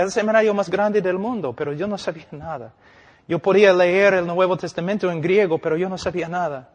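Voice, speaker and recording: An older man delivers an emphatic sermon, pausing for effect and acting out quotes as he preaches. His voice sits fairly high for a man. The recording carries a long reverb, like a big hall. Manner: emphatic, preaching with dramatic pauses and acted-out quotes. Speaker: preacher and missionary.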